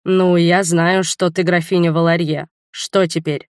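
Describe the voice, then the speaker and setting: A woman voicing a drowsy, teasing young male spy in an audiobook, speaking low-key and unhurried. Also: flat delivery, no room sound, studio quality, natural voice.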